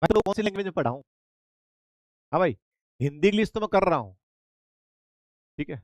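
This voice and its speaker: Energetic man drilling facts to his class. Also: high voice, a little fast, dry recording. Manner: lively, repetitive drilling with questions to students; mixes Hindi with English terms. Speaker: online exam-prep teacher. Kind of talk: live online class.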